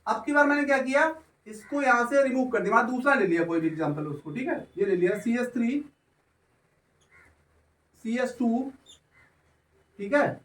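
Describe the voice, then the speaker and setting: A man's voice: very high voice, expressive, moderate pace, long pauses, fairly bright tone. A male chemistry teacher giving a classroom lecture, drawing out words and asking again and again whether the students follow. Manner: keeps asking if students understand, draws out words. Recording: echoey room, voice from far off.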